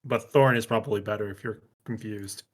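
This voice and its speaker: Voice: medium pitch, steady tone, a little fast. A player in a tabletop game, explaining plainly and matter-of-factly. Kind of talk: casual tabletop game play.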